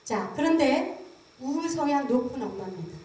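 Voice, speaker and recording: A woman's voice: high-pitched, normal speed. A middle-aged woman, a professor, giving a lecture and acting out how mothers talk to their babies. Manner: acts out mothers' words to babies in a lively voice. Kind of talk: seminary public lecture. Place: lecture hall. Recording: echoey hall, mic at a distance.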